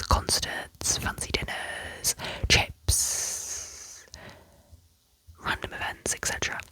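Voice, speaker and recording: A woman in a whispered role-play as an ASMR judge, reading out posts with chatty asides and little self-corrections. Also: poor audio. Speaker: ASMR creator reading and judging online posts.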